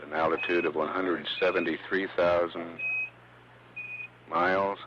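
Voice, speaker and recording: A man giving live spaceflight status commentary as a mission control announcer, in a halting, measured delivery. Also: deep voice, flat delivery. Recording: dull archival feed with faint hum.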